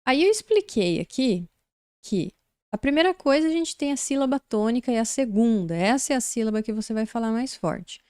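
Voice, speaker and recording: Brazilian lady teaching english, takes it slow, smooth clean voice, super dry room. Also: a little high, expressive, a little mellow, no echo. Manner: patient, explains slowly step by step. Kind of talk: online English lesson.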